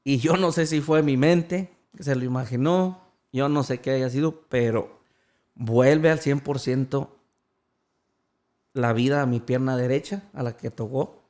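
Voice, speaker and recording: A man's voice: mid-range voice, a little slow, darkish tone. A man, an interview guest earnestly retelling a personal story and quoting the voices of others.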